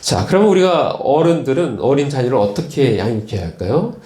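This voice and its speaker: A male pastor preaching a sermon, retelling stories slowly with frequent fillers and repeated words. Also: medium pitch, big pitch swings, mellow, roomy sound. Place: church.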